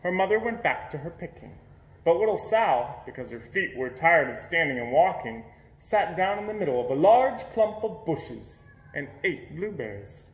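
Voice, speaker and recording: A man reading a children's picture book aloud in an expressive storytelling manner. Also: a little high, normal speed, reverberant, rough recording. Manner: expressive storytelling with playful sound words. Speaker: storybook reader.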